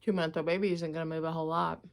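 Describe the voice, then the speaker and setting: A woman's voice: low voice, level tone, racing, vocal fry. A middle-aged woman chatting casually to camera in an eating video, chewing noisily as she talks with her mouth often full. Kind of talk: casual mukbang chat to camera, commenting on a news story.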